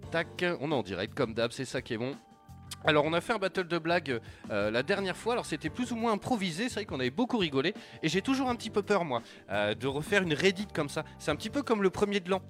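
Slangy joking radio host guy in a studio, bit high voice, studio mic. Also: fast talker, faint music behind. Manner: excitable, joking, slangy and swearing. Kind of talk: live radio show chat.

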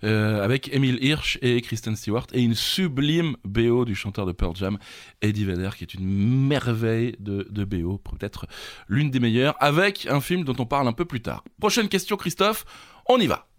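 A man's voice: mid-range voice, normal speed, no room sound, clean studio sound. A man co-hosting a quiz podcast, laughing often and talking with enthusiasm about films. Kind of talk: casual joking chat.

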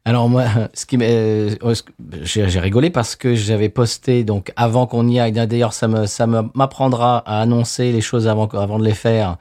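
A man's voice: lowish voice, fairly even intonation, moderate pace, hardly any pauses, warm tone. A man co-hosting a beer podcast, chatting casually and telling stories with lots of restarts. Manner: chatty, storytelling with many restarts. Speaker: podcast co-host. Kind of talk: casual chat.

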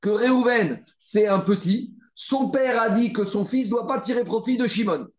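A man teaching a Talmud study class, animated and repetitive, rallying his students with frequent asides. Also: extremely high pitch, moderate pace. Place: study room with students, also streamed on video call. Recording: echoey room.

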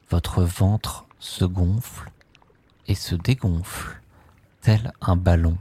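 A man leading a guided sleep meditation, speaking softly and calmly in drawn-out phrases with long pauses. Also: deep voice, slightly rough. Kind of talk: slow guided relaxation script.

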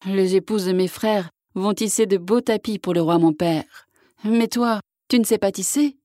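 Young storybook prince, read by a woman, plaintive and sighing, low dark voice. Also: normal speed, dry recording, studio quality, natural voice. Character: young prince, sad and doubtful.

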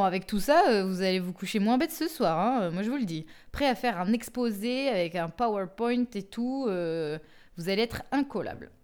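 A woman's voice: mid-range voice, darkish tone. Chatty young woman podcaster, self-mocking. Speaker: podcast host. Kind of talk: casual solo podcast talk.

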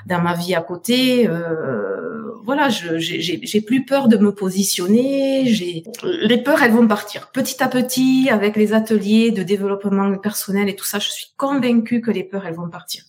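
Halting woman with a southern French accent. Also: mid-range voice, expressive, a little mellow. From southern France. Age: middle-aged. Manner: halting, repeats words, heartfelt. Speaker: guest, business owner. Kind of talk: live podcast interview.

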